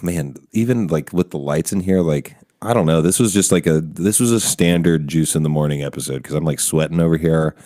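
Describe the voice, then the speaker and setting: A man's voice: a bass voice, a little fast, few pauses, dark tone, no room sound. A man hosting a podcast in a studio, easygoing and laughing often in casual chat. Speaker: podcast host.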